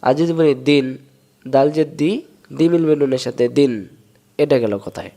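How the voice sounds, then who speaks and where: Guy teaching quran reading, gravelly voice, spells out sounds slow and patient. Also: on the high side, warm tone. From Bangladesh. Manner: explains step by step, drawls sounds slowly to demonstrate. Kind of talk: recitation lesson.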